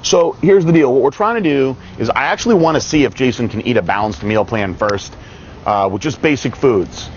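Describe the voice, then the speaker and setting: A man's voice: medium pitch, animated, brisk. A man in his thirties coaching outdoors in a parking lot, speaking confidently and emphatically on a lapel mic. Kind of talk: casual outdoor interview. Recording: dull audio with faint outdoor noise.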